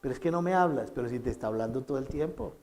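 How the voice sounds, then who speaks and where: A man preaching a sermon as pastor, emphatic and repetitive, swinging between loud quoted lines and soft, low asides. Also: lively intonation, racing. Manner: emphatic preaching with repeated phrases and dramatic quotes.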